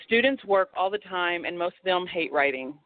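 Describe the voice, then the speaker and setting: A woman's voice: on the low side, lively intonation, normal speed, no room sound. A talkative woman guest on a radio interview, rambling through her stories with frequent restarts. Her voice comes down a thin, tinny phone line with a dry, close sound. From Texas. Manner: chatty, rambling with many restarts. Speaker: guest author.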